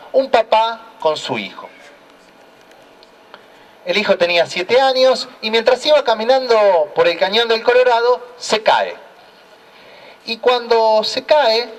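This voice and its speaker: Man, church speaker, high animated voice, unhurried preaching, miked from afar outdoors. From Argentina. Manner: slow, deliberate storytelling with repeated refrain. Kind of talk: preaching talk. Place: outdoor town square. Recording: voice heard from a distance.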